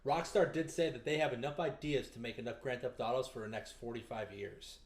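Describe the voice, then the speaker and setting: A man co-hosting a casual gaming podcast, animated and playful, calling the others "dude". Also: mid-range voice, brisk, roomy sound. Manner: animated, says "dude", plays with words. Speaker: podcast co-host.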